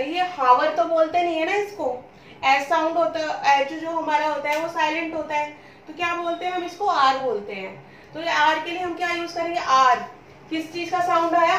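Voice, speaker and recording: A woman's voice: high-pitched, fairly bright tone, a little hiss or hum. A woman teaching an English grammar lesson who keeps asking questions and then answering them herself. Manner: repetitive questioning, answers her own questions. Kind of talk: classroom-style lesson explanation. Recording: roomy echo, speaking from a distance.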